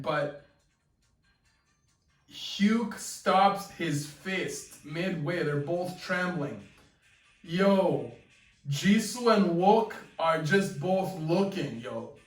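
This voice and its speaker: Excitable young man in an echoey room. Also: on the high side. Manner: excited, exclaims "yo" often. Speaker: webcomic reaction host. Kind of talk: live reading reaction. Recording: echoey room, mic at a distance, faint music.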